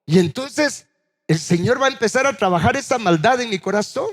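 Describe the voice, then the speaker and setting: A man with a notably high voice preaches a sermon as a pastor. He talks earnestly and pleads, and he circles back to the same phrases as he presses his point home. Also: lively intonation, fairly quick.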